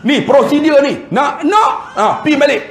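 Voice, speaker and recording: A man voicing a rude, impatient bank counter clerk, speaking in a shrill, scolding way. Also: steady tone, reverberant, some chatter behind. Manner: shrill, scolding, quick-tempered.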